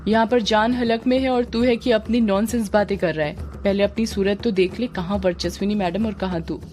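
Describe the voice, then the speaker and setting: A woman's voice: medium pitch, fairly even intonation, normal speed, a little mellow, faint music behind, lightly acted. A woman voicing a nervous, irritable young village man who scolds his joking friend.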